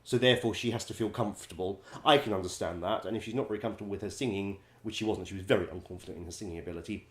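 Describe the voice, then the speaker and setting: A man, a musical director and vocal coach, telling wry stories in a chatty way, laughing often and filling pauses with ums. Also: lowish voice, steady tone, a bit bright, reverberant. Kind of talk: casual anecdote-telling.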